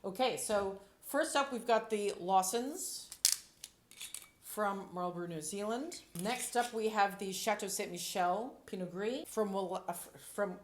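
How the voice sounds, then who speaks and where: A woman's voice: mid-range voice, a little slow, slight background noise. A woman sommelier giving casual tasting commentary, thinking aloud with playful, descriptive asides. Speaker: sommelier reviewing wines.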